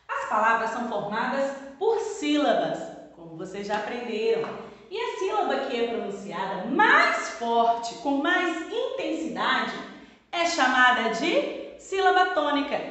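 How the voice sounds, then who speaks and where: A woman's voice: high voice, a bit bright. A woman teacher with a Brazilian Portuguese accent giving a recorded lesson to pupils, stretching words to stress syllables and answering her own questions. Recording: echoey room with long reverb.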